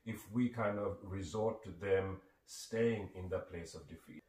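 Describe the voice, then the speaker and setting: A man's voice: sits low, unhurried, darkish tone. A man from Sri Lanka, a guest talking earnestly and reflectively in a conversation. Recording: echoey room, distant mic.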